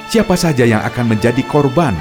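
A man's voice: mid-range voice, expressive, quick pace. A man narrating a scripted radio drama in the formal, dramatic manner of an old radio serial announcer. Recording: music behind the voice. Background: loud music.

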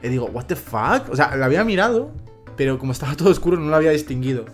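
A young man co-hosting a casual home podcast, telling game stories in an animated way with many restarts. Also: fairly high pitch, very fast, faint music behind. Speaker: podcast co-host. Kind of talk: casual chat about video games. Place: home room, small setup.

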